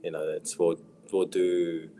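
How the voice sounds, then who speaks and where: A young man from New Zealand with a New Zealand accent, a footballer chatting casually in a podcast interview, soft-spoken with a voice that trails off quietly. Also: sits low, level tone, unhurried, slight background noise. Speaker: professional footballer guest.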